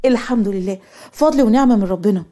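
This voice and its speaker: A woman voicing a gentle, modest young man with an Egyptian accent, speaking softly, in a cartoon story. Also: mid-range voice, fast talker, close to an everyday voice. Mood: subdued.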